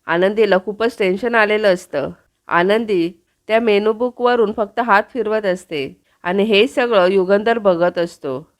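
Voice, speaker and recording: A woman's voice: medium pitch, a little slow. A woman with a Marathi accent reading out a TV serial recap, voicing every character's lines in her own plain voice.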